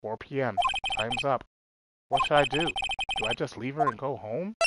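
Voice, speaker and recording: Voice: mid-range voice, moderate pace, heavy background noise, natural voice. A performer voicing a young male defense lawyer in a video game, earnest, emphatic and easily flustered. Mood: resolved.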